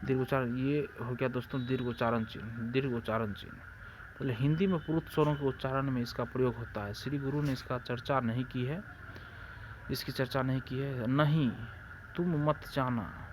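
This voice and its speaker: Brisk and fairly even in intonation, this medium-pitched man runs an exam-prep grammar class in a Bihari Hindi accent. He poses questions and answers them himself, repeats points, and keeps calling out to friends, with background noise behind him.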